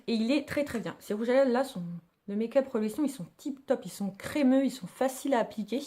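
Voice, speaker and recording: Chatty woman, slangy beauty vlogger, slightly high voice. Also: fast, warm tone. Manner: chatty, enthusiastic, slangy, addresses viewers as girls. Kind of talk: casual product review.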